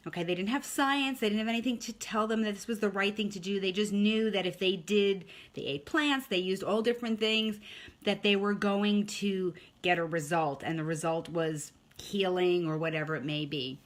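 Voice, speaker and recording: Lady doing a live health chat online, casual, keeps saying okay, mid-pitched. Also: normal speed. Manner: chatty, greets viewers by name, frequent "okay?". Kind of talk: casual live-stream talk.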